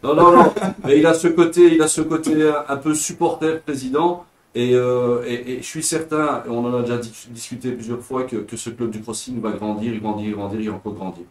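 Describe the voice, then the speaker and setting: A man's voice: mid-range voice, steady tone, a little fast, few pauses, echoey room. A man, co-host and coach, chatting enthusiastically and repeating words. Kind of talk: casual chat.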